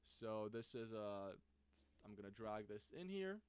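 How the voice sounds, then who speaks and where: A man giving a casual screen-recorded software tutorial, thinking aloud as he clicks through the app. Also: fairly low pitch, sing-song, measured pace, clean tone. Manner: thinks aloud while clicking, loose and conversational. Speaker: software reviewer.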